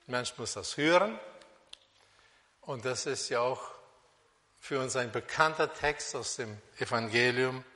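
A man preaching a sermon on a Bible passage, speaking slowly and deliberately with pauses and fillers, in a church hall. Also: mid-range voice, a bit bright. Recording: long reverb of a hall.

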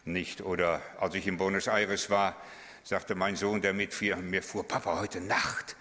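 A man's voice: low voice, flat delivery, unhurried, sharp tone. A middle-aged man preaching a sermon, emphatic and full of rhetorical questions. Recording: long hall reverb.

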